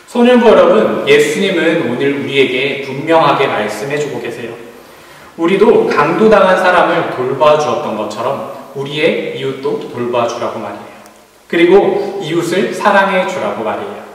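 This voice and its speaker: A man gives a children's sermon in a fairly high, lively voice that rises and falls as he tells the story gently. He sounds far from the mic, and the long echo of a church hall rings around every phrase. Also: normal speed. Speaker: youth pastor. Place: church sanctuary.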